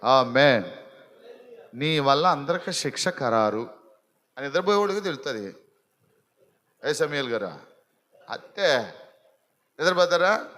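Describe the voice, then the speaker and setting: A man's voice: fairly high pitch, animated, a little slow, long pauses, fairly bright tone, in a large hall. A male pastor preaching a sermon to a live congregation, teasing and repeating phrases as he builds intensity. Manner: preaching with rising intensity and repetition; teasing the congregation about sleeping. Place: church hall with live congregation.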